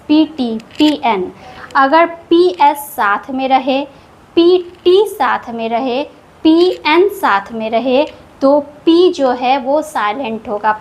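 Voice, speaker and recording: Slow, high-voiced woman teaching. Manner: explains each rule patiently, repeating words. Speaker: English reading teacher. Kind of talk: slow step-by-step lesson.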